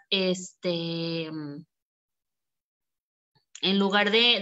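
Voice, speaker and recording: A woman's voice: medium pitch, fairly bright tone, lo-fi sound. A woman who teaches online marketing in a live screen-share tutorial. She chats casually and thinks aloud as she types. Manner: chatty, thinks aloud while typing. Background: keyboard typing and clicks.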